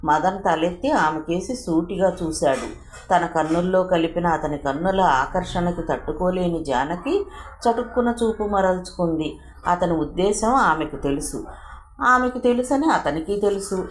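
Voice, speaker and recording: Low-voiced woman narrating a novel. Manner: measured storytelling. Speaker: audiobook narrator. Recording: roomy echo, faint hiss.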